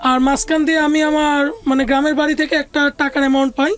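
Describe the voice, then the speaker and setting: A high-voiced woman talks at a quick pace with little movement in pitch. Her Bangladeshi accent and colloquial Bengali, occasionally mixed with English business terms, carry a personal story told as an interview guest, with music in the background.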